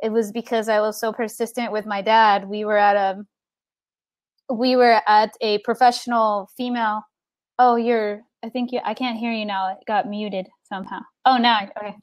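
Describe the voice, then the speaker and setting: A woman's voice: mid-range voice, moderate pace, no room sound. A woman guest telling a personal story in a casual interview, acting out the voices of the people in it. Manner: animated, acts out the people in her story.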